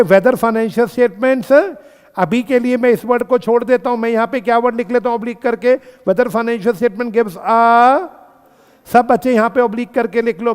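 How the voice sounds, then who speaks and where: A man with a high, smooth, resonant voice teaching a class. He keeps asking his students questions and repeats the key terms slowly so they can write them down. The sound has a long, hall-like reverb. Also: a little mellow. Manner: addresses students as beta and friends. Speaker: accountancy teacher. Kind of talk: classroom lecture.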